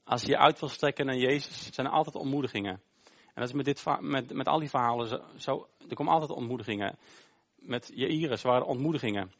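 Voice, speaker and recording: A man preaches a sermon during a church service. He retells a Bible story plainly and informally, stopping to search for words. His voice sits at a middling pitch. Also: quick pace, creaky, few pauses. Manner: informal, storytelling, with frequent hesitations. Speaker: pastor.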